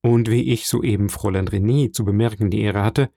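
A man's voice: fairly low pitch, fairly even intonation, brisk, gravelly, mellow, no room sound, clean studio sound. A man voicing a young, ambitious royal prosecutor who speaks formally and courteously. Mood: earnest.

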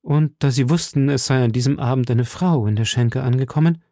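A man reading as a proud, gravelly musketeer. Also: mid-range voice, fairly quick, warm tone, dry recording, clean studio sound, lightly acted. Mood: dignified. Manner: formal, dignified. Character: proud, noble male musketeer, composed. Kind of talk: audiobook reading.

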